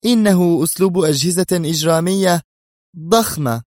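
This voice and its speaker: A man's voice: high-pitched, normal speed, a little mellow, no echo, voice pushed up, lightly acted. A resolute young woman investigator, voiced by a male narrator in a storybook. She speaks firmly, raised above his own voice. The sound is dry. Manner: firm, tense.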